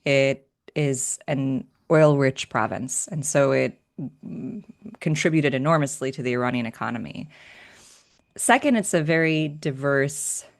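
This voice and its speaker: A woman from Northern California, a guest author in an interview, explaining her research in a clear, structured way. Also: deep voice. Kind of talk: academic interview.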